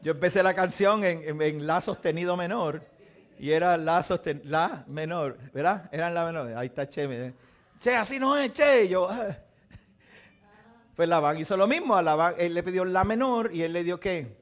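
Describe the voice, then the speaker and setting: A man's voice: on the high side, normal speed. A man teaching a live Bible lesson, asking his audience questions and acting out the voices of biblical figures. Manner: animated, asks the audience questions, acts out quotes. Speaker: teacher of a Torah portion study.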